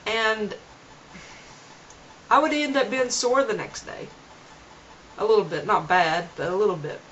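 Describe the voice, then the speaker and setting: A woman's voice: medium pitch, unhurried, fairly bright tone, slight background noise. Woman, young adult, earnest, rambling vlog talk, camera mic, dull audio. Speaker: vlogger. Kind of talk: casual vlog monologue. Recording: dull lo-fi home video.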